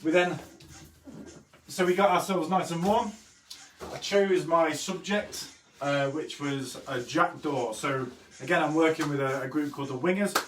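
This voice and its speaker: A man's voice: on the high side, measured pace, fairly bright tone. Man who says w for r, echoey room. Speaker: host of an online drawing lesson. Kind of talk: casual live-stream chat while drawing. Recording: roomy echo, distant mic, faint noise.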